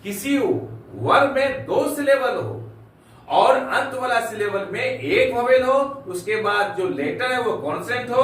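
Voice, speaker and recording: High-voiced guy teaching, spells stuff out slow, far from the mic, big echo. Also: fairly bright tone. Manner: slow, spells words letter by letter. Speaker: English teacher. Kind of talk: grammar lesson explaining rules. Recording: echoey room from far off with faint noise.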